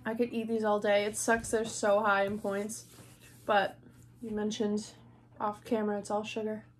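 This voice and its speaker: A woman in her thirties from the United States tastes and reviews snacks with a co-host in an indoor room in front of a glitter backdrop, chatty and enthusiastic and talking between bites. Her voice is medium-pitched with a completely flat delivery at normal speed, and there's a little hiss or hum.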